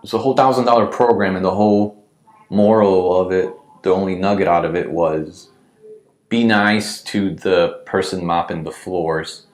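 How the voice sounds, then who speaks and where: A man who works as a real estate agent, chatting casually on a podcast and telling animated anecdotes full of "like" and "um". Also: deep voice, normal speed, echoey room. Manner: animated anecdotes with filler likes and ums. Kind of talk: casual storytelling podcast chat.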